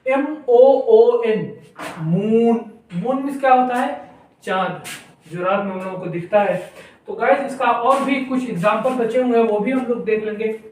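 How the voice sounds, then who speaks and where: A man teaching an English phonics lesson to his viewers. He spells each word out slowly, letter by letter, then asks his viewers what it is and answers himself. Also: high voice, a little hiss or hum. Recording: very echoey room, voice from a distance.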